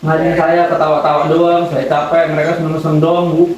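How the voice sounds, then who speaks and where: A teenage boy talks politely and earnestly as a student. He keeps adding a respectful title to his sentences. His voice sits slightly high for a male voice, picked up by a far-off camera in a very echoey room. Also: flat delivery, fairly quick, darkish tone. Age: teens. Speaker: student, class leader. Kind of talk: role-played counseling session. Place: classroom. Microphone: camera from a distance. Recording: echoey room recorded from afar.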